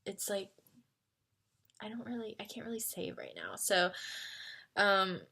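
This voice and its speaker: A young woman in her twenties talks through fan questions in a relaxed vlog, her voice bright and clear. She leans on "like" constantly and drifts from bubbly excitement into quiet, earnest advice. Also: medium pitch, a little slow. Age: 20s. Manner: chatty, heavy on "like" fillers. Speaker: vlogger answering fan questions. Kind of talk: casual chat.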